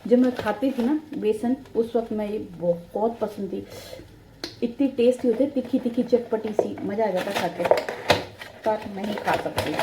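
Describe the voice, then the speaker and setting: A middle-aged woman chatting casually to her viewers in a home vlog, rambling from one thing to the next, recorded in a kitchen on a phone without a separate mic. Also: fairly high pitch. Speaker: family vlogger. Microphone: built-in phone or camera mic, no external mic. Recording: echoey room with faint noise.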